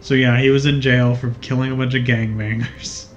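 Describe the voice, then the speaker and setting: A man's voice: medium pitch, little pitch movement, normal speed, muffled recording, soft background music. A man commentating on a video game, explaining its mechanics with dry, wry remarks. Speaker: let's play commentator. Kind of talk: casual gaming commentary.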